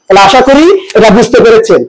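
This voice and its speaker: A man teaching a pronunciation lesson, asking his students questions and repeating key words slowly. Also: very high-pitched, rough recording.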